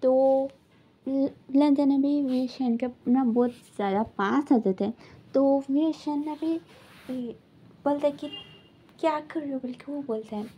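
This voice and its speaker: Woman retelling a fan story, high mellow voice, rambly and filler-heavy. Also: unhurried, highs cut off, slight background noise. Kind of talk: casual fanfiction retelling.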